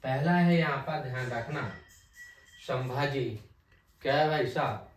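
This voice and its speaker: A male teacher giving an exam-prep history lesson, repeating key names and asking the class quick check questions. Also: slight background noise. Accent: Hindi. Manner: repeats key names, tag "ध्यान रखना" often drops low and soft. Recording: echoey room, mic at a distance.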